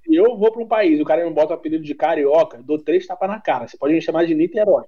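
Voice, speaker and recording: A man's voice: a little high, rapid-fire, dull audio. A Brazilian man with a Brazilian Portuguese accent, a podcast guest chatting bluntly and swearing freely. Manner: blunt, swearing, animated storyteller. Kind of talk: casual chat.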